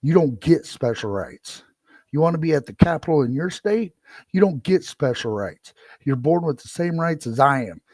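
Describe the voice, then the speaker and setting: A middle-aged male podcast host delivers an angry solo rant, cursing, heated, and repeating himself. His voice is on the high side, expressive and slightly mellow at normal speed, with clean studio sound and no room noise.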